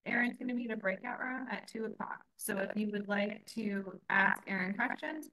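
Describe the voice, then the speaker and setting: A woman moderates a webinar over a video call, chatty and quick to laugh as she stumbles through restarts. Her voice is bright and sits in a middling pitch. The call audio has a faintly robotic edge. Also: rough recording. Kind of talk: casual moderation.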